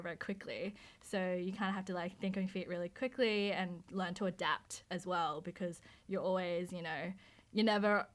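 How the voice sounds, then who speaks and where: A woman in her thirties, raised in Australia, answering interview questions about her design career, chatty with frequent fillers and restarts. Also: medium pitch. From Hong Kong, raised in Australia. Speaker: motion designer.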